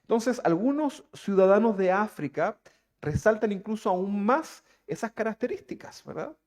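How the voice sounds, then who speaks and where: A man's voice: sits high, animated, normal speed, darkish tone. A man preaching a sermon, who keeps asking his listeners rhetorical questions. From Chile.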